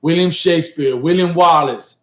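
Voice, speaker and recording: A middle-aged Puerto Rican man leads a bilingual religious class from an indoor studio set with a printed backdrop, speaking at normal speed in a slightly high voice. He is emphatic, repeating points and often asking "right?" The webcam audio sounds echoey, reflecting the room.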